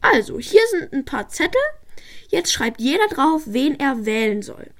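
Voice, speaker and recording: Girl playing a kindly lady teacher, slow and halting, slightly high. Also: big pitch swings, exaggerated voice. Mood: instructing. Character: patient female class teacher.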